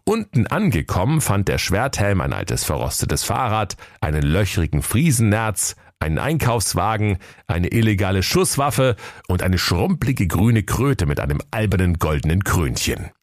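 Playful northern german guy reading a funny fairy tale, very animated, dry studio mic. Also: low-pitched, normal speed, dry recording. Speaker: storyteller. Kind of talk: comic fairy-tale narration.

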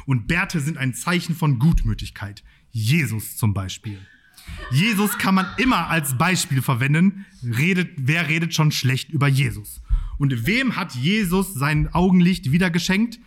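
A man's voice: a little high, expressive, unhurried. A man performing a boastful macho bearded man in a comic monologue, full of swaggering mock-tough bragging. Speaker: podcast host.

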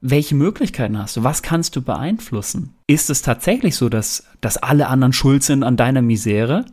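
A man's voice: mid-range voice, animated, normal speed, darkish tone, slightly rough. A man co-hosting a podcast, giving earnest, direct motivational advice in a conversational way. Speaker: podcast co-host.

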